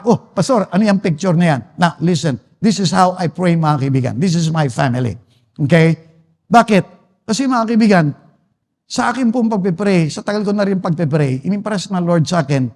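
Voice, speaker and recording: A male pastor with a Filipino accent preaching a sermon in a church, swinging from soft to forceful emphasis. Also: sits high. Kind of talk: Taglish sermon. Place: church sanctuary. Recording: long church-hall reverb.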